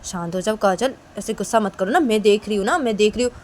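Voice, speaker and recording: A woman voicing a calm college principal who coaxes and politely pleads to settle a quarrel. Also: medium pitch, moderate pace, slight background noise, natural voice. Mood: placating. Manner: soothing, coaxing, polite pleading.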